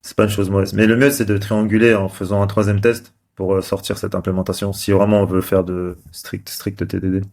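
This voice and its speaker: A man's voice: on the low side, little pitch movement, fairly quick, creaky, few pauses, darkish tone. A man casually talking through code on screen, thinking aloud with many fillers and restarts. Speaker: developer live-coding host. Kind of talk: casual screen-share commentary.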